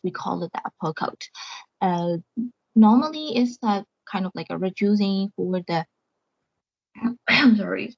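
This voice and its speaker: A woman's voice: mid-range voice, a little mellow, dry recording, lo-fi sound. A woman student giving an online class presentation, speaking hesitantly with many fillers and frequent self-corrections. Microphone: video call.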